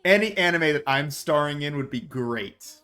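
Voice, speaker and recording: A man's voice: fairly high pitch, moderate pace, faint music behind. Chatty American man in his thirties. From United States. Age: 30s. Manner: animated, chatty, self-mocking, breaks into laughter. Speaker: VTuber streamer. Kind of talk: casual stream chat.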